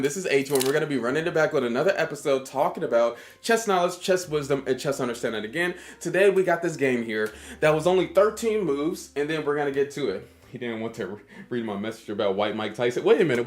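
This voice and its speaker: A man, streaming a casual chess lesson, joking with his chat in a hyper way. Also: medium pitch.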